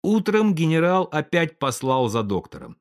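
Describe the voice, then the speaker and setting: A man reading a story aloud with a lively, dramatic delivery. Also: on the high side, normal speed. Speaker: narrator.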